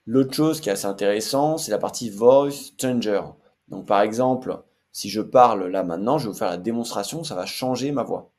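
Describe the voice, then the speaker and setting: A man's voice: fairly low pitch, moderate pace, a little mellow. A man hosting a casual screen-share tutorial, chatty and hesitant with frequent fillers. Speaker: tech tutorial host.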